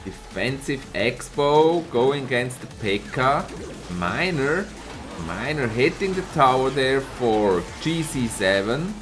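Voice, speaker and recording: With music behind him, this esports caster and streamer speaks at a medium pitch and an unhurried pace. He's slightly hoarse from a cold but lively, laughing a lot and calling out chat viewers by name during live tournament commentary.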